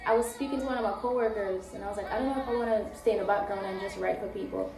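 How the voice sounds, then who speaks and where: A woman's voice: mid-range voice, rapid-fire. A young woman from Jamaica, chatting casually as a singer and interview guest, full of fillers. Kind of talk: casual chat and vlog. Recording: echoey room, far mic, music behind.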